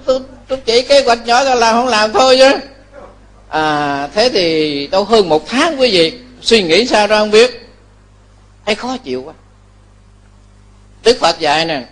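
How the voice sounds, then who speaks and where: A man's voice, a Buddhist monk speaking, pitched fairly high for a man. He preaches in a lively storytelling way, often checking with his listeners that they agree. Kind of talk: Dharma talk sermon.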